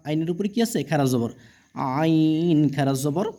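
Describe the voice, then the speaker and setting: A man's voice: a little high, normal speed, mellow. A man with a Bangladeshi Bengali accent teaching Quran reading, drilling letters and vowel marks patiently and checking understanding with questions. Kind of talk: spelled-out Arabic letter drill lesson.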